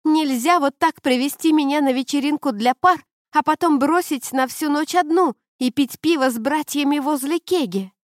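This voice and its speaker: A woman reading an audiobook, voicing a distraught young woman friend who shouts in a high, strained voice. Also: normal speed, dry recording, clean studio sound, close to an everyday voice. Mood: furious.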